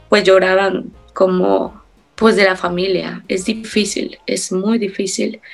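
A woman pastor giving a slow, earnest testimony in an interview, often pausing with fillers. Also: medium pitch, vocal fry.

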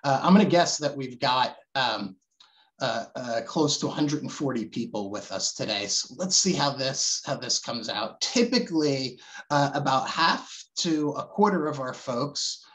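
A man hosts a video call panel, talking loosely and restarting phrases. His voice sits in a middle pitch. He fills gaps with frequent uhs and ums. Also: animated, measured pace, a bit bright, poor audio. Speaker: webinar moderator.

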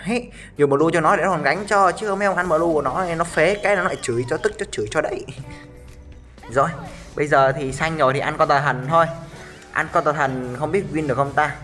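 Fast, bright-voiced excitable gaming man. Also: fairly high pitch, soft background music. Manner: excitable, rapid repeated callouts to viewers. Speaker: gaming streamer. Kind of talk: live gameplay commentary.

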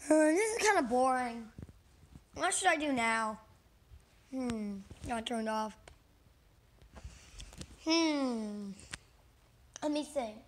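Chatty unboxing vlogger, woman, high voice, excited casual talk. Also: slow pace, long pauses, a little hiss or hum. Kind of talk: casual toy-play vlog.

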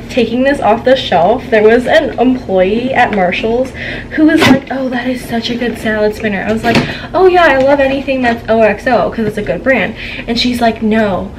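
A young adult woman vlogger sits at home before a camera on a tripod, chatting casually about a haul in a noisy indoor room. Her voice is on the high side and her pace measured, and she giggles and gossips as she tells stories.

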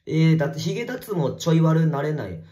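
A man livestreaming from a bathroom, reading viewer comments in casual chat and swearing at commenters in a rough, teasing way. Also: a little high, big pitch swings, brisk, mellow. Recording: echoey bathroom.

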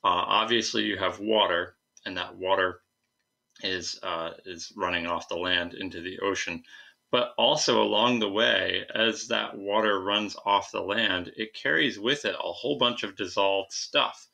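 A man's voice: sits low, unhurried, creaky, sharp tone. A young man teaching an informal slide lecture, explaining things with hesitant phrasing and asides at a computer. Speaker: science teacher. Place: indoors, recorded at a computer.

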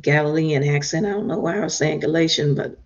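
A woman teaching from the Bible in a sermon, reading scripture and breaking in with expressive asides and praise. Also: low-pitched, a little fast. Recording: dull lo-fi recording.

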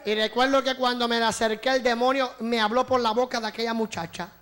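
Fervent high-pitched preacher. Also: male voice, fairly even intonation, fast, fairly bright tone, slight background noise. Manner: fervent preaching, calls out to the congregation. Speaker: evangelist. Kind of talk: sermon.

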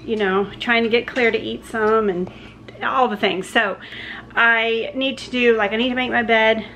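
A woman's voice: fairly high pitch, fairly even intonation, normal speed, fairly bright tone, slight background noise. Chatty woman vlogging at home. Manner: chatty, rambling, with many fillers and restarts. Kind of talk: casual day-in-the-life vlog.

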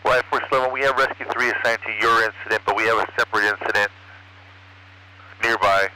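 A man's voice: lowish voice, little pitch movement, fast talker, bright, forceful tone, slight background noise, rough recording. A male fire dispatcher giving formulaic, procedural status reports over a fire department radio. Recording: fire radio scanner transmission.

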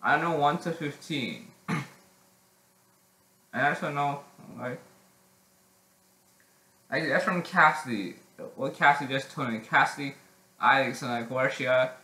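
A teenage boy chatting casually in a vlog, halting with many restarts and frequent throat clearing. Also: medium pitch, bright, forceful tone, roomy sound, rough recording. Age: teens. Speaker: vlogger.

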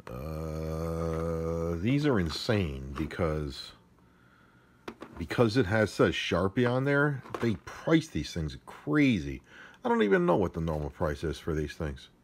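A male unboxing vlogger at a wooden desk indoors gives off-the-cuff, grumbling, sarcastic commentary, filmed on a handheld phone. His voice is low and very animated, at a slow pace. The recording is noisy, with handling clicks.

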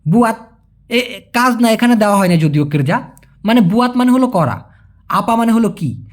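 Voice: mid-range voice, lively intonation, normal speed. A language teacher, acting out short dialogues and then repeating and explaining each phrase word by word. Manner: acts out short dialogue lines in shifted voices. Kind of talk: explaining a role-played dialogue.

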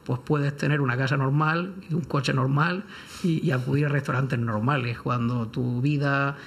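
The lawyer's voice is gravelly yet steady, medium in pitch and moderate in pace. Taking part in a round-table panel debate, he delivers unscripted legal commentary using cautious, formal language with many hesitations.

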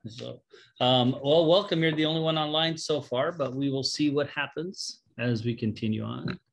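A middle-aged man with a mid-range voice and moderate pace leads a Bible study as the congregation's leader, greeting people and teaching informally while addressing them directly in conversation. Recorded on a webcam video call microphone in a small indoor office or classroom, the audio has clear background noise and clicks.

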